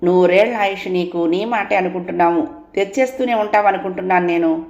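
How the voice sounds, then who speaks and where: A woman voicing a bold, talkative young wife who scolds and teases in a quick, playfully bossy way. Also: on the low side, a little mellow, dull audio, close to an everyday voice. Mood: lively. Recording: roomy echo.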